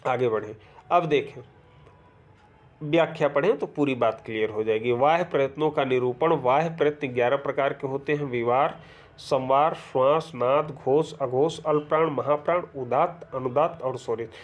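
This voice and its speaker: A man teaching an exam-prep grammar lesson. He reads rules aloud, lists letters one by one and keeps asking whether it is clear. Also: medium pitch, moderate pace. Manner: explains step by step, often checks "clear?".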